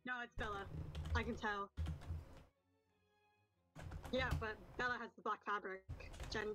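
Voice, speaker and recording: A woman's voice: medium pitch, steady tone, unhurried, over music, low-quality recording. A woman playing a game with friends, chatting casually and insisting she knows the answer. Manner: insistent, sure of her guess. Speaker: fellow player. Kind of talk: casual gaming chat.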